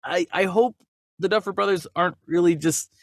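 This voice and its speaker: A high-voiced man, a voice actor co-hosting a movie news podcast, talks briskly in a casual, conversational way and sometimes reads news items aloud. There is noise in the background.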